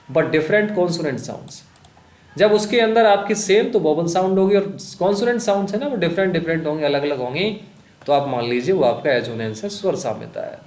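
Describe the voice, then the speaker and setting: Echoey Hindi-speaking English teacher. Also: male voice, on the high side. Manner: explains in Hindi, reads English examples slowly; asks and answers his own questions. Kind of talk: exam-prep lesson.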